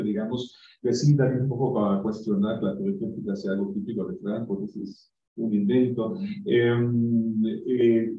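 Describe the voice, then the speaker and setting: A man speaks unscripted at a university book presentation, wandering between points and checking in with tag questions. His voice is dark and mellow. It is picked up from a distance in a roomy space, and the live-stream audio sounds dull. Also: medium pitch. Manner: digressive, frequent tag questions and restarts. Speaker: book presenter at an academic conference. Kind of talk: spontaneous academic talk. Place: university venue.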